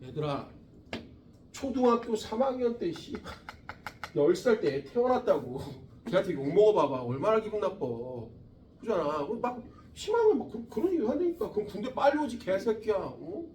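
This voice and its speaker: A middle-aged man lectures a classroom of teenagers, mixing science with casual, profane stories. His voice sits high and swings widely as he acts out shouted lines. He sounds distant in a reverberant room with faint noise behind him. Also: big pitch swings, normal speed. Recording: echoey room from far off.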